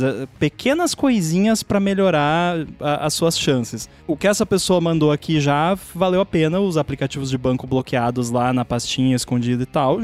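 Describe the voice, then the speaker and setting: A man's voice: on the high side, darkish tone. A man, chatting casually as a podcast host and laughing often. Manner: chatty, laughs often, gives practical advice. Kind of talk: casual chat.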